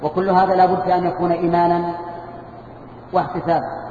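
A man teaching a religious lesson, who slowly repeats key phrases and asks his listeners questions as he explains. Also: sits high, level tone, recorded from a distance. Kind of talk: classroom lecture. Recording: roomy hall taped from afar, dull and lo-fi with faint hiss.

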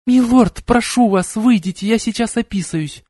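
Man doing a young woman, whiny, hissing, indignant, raised pitch. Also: normal speed, darkish tone, no room sound, studio quality. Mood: pleading.

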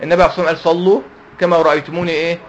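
Egyptian male teacher of a youth Quran class, quick-fire, raised pitch, asks and answers his own questions. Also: flat delivery, muffled recording, slight background noise. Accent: Egyptian Arabic. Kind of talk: religious lesson to youth.

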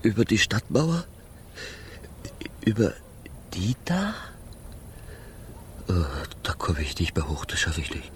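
In a children's radio play, a male actor voices the Wind as a frozen, weary, timid wanderer, speaking haltingly and plaintively with sighs. His lowish voice is breathy and husky, exaggerated, with pitch that swoops wildly. The mood is defeated.

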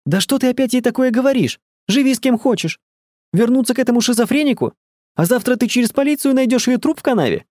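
Male reader playing a frantic audiobook mother, shrill and shouting, pitched way up, dry close sound. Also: animated, quick pace, no room sound. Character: frantic middle-aged mother, shrill and panicky.

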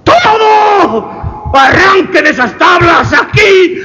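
An actor playing a guilt-maddened murderer in a radio drama, slipping into breathless frantic shouting. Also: male voice, medium pitch, wildly swooping pitch, measured pace, muffled recording, a faint crowd, slight background noise.

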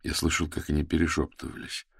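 A man reading a first-person audiobook in a measured, grave storytelling manner. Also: extremely low pitch, completely flat delivery, gravelly, slightly rough, no room sound, clean studio sound. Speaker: audiobook narrator. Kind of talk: scripted first-person narration.

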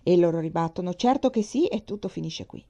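A woman's voice: fairly low pitch, expressive, brisk, mellow, highs cut off. A woman reading the part of a young male naval captain, dry and dismissive. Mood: wry.

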